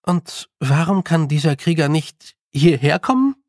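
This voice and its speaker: A man's voice: fairly high pitch, sing-song, measured pace, no room sound, studio quality, exaggerated voice. A man doing a stubborn, questioning young girl. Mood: insistent. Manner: insistent, questioning.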